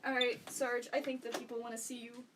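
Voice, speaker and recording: A young woman with a fairly high voice chats to her stream viewers from a room at home, rambling from one thought to the next and laughing often. She sits a little back from the mic. A faint noise runs underneath. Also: level tone, a little fast. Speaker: livestreamer. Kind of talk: casual chat with stream viewers. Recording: slightly distant mic, faint background noise.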